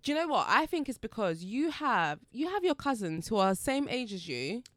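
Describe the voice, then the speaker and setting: A young woman from Jamaica with a higher, very lively voice that swings up and down. She co-hosts a casual podcast and keeps asking questions. The recording is dry. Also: normal speed, no room sound. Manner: curious, asks questions, laughs often. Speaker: podcast co-host. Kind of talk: casual chat.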